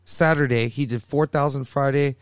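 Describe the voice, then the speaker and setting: A man's voice: medium pitch, fairly even intonation, normal speed, clean tone, no room sound, studio quality. A man co-hosting a casual podcast chat, emphatic and repeating his key points. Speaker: podcast co-host.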